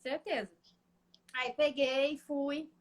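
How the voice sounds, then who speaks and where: A young woman, a guest in a live chat, telling a painful personal story in a halting, emotional way. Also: high-pitched, fairly even intonation. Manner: emotional, halting, full of fillers and restarts.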